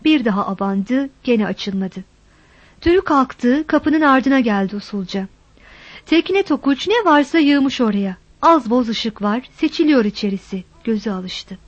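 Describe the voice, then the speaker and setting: A woman reading a novel aloud in measured, steady audiobook narration. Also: on the high side, no echo, lo-fi sound.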